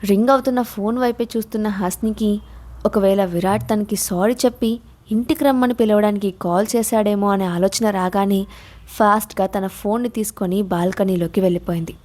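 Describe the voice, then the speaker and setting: A woman narrating a suspense audio story in a steady storytelling manner. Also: mid-range voice, moderate pace.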